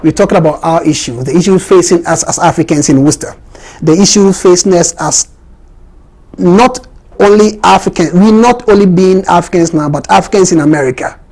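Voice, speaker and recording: A man's voice: high-pitched, fairly quick, a little mellow, low-quality recording. A man from Ghana hosting an interview, often repeating words and restarting his sentences. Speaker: host.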